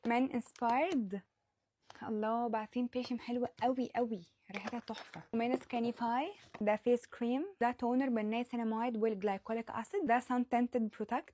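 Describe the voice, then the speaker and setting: Egyptian woman, beauty influencer, unboxing vlog; quick, gushing delivery, slightly high voice. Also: mellow. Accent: Egyptian Arabic. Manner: gushing, rapid listing of products.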